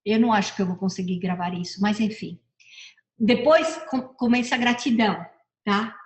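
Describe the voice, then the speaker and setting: A woman's voice: medium pitch, normal speed. A middle-aged woman giving a casual motivational talk, chatty, often repeating and correcting herself. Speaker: personal development speaker. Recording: echoey room.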